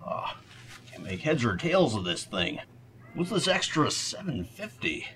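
A man's voice: mid-range voice, very animated, a little slow, noisy background. A man playing a hearty, folksy superhero. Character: boisterous hungry male superhero, folksy. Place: restaurant.

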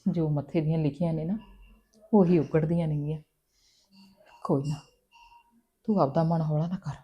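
An actress playing a middle-aged mother who is soft and consoling one moment and loudly scolding the next. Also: medium pitch, animated, moderate pace, muffled recording, natural voice. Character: stern but caring middle-aged village mother. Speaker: mother and sister-in-law. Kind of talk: Punjabi family drama acting.

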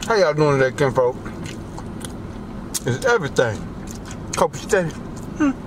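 A man's voice: fairly high pitch, very animated, moderate pace, distant mic. A man, hosting a casual eating show, talking with his mouth full in a slangy, laid-back way. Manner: slangy, laid-back, talks to viewers as kinfolk. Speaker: mukbang host. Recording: loud outdoor traffic noise.

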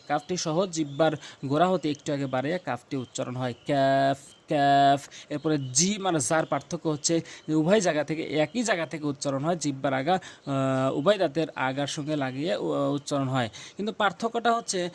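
Gravelly man teaching Quran letter sounds. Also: on the high side. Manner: demonstrates letter sounds slowly, repeating them. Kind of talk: pronunciation lesson.

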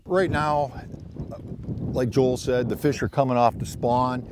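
A man, a bass angler, explaining fishing casually on a boat out on a lake, rambling with fillers and restarts. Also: steady tone, unhurried. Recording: windy outdoor boat noise.

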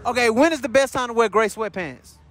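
A young man with an extremely high, slightly bright voice talks a little fast as a street interviewer, asking playful questions in a teasing, jokey way. Recorded at night on a handheld phone in an arcade and out on a city street, with some chatter in the background.

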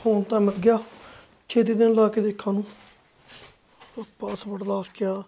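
A man's voice: high-pitched, flat delivery, moderate pace, gravelly, warm tone, no echo. A man playing a young village man who calls out to a friend and pleads on the phone. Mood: casual. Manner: calling out, casual. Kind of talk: village comedy drama acting.

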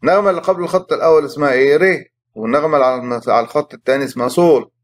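A man with an Egyptian Arabic accent, teaching a music lesson, patiently explaining and slowly chanting rhythm syllables and note names. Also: fairly high pitch.

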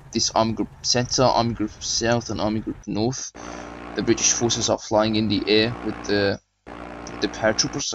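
The recording is muffled with a little hiss or hum, and his pitch is fairly low. A young non-native German speaker running a gaming channel, he keeps up a chatty, rambling commentary, reading game briefings aloud as he plays.

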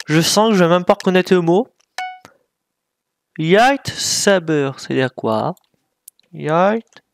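A man's voice: sits high, slight background noise. A man giving casual gameplay commentary, thinking aloud while he plays and mocking himself with frequent apologies. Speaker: gaming YouTuber.

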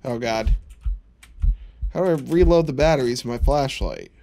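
A man's voice: medium pitch, normal speed, vocal fry, dark tone, a little hiss or hum. A man giving casual, jokey commentary while playing a horror game, with dry sarcastic asides. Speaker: video game streamer.

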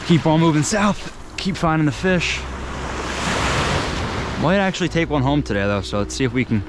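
A man filming himself surf fishing on an ocean beach at dusk, talking casually and excitedly into a camera mic. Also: on the high side, moderate pace. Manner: excited, casual, says "dude" often. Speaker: fishing vlogger. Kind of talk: casual on-the-spot commentary. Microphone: GoPro camera mic. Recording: loud surf noise outdoors. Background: crashing surf and waves.

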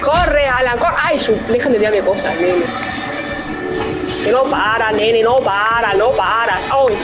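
A woman's voice: fairly high pitch, unhurried, over loud music, rough recording. A young woman from Spain chatting casually over a video game, scolding enemies, swearing and exclaiming. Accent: Spain Spanish. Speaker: gaming streamer. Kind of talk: casual let's-play commentary.

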